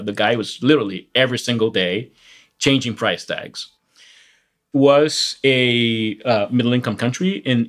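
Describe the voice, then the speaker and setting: A man's voice: mid-range voice, a bit bright. A man in his forties with a Brazilian Portuguese accent, a guest economics professor answering interview questions thoughtfully, with many "uh"s and "right?"s.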